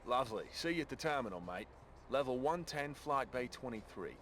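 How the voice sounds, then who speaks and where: A man's voice: medium pitch, animated, a little fast, fairly bright tone, slight background noise, lightly acted. A man voicing an easygoing jet pilot for hire who talks in a breezy, chatty way.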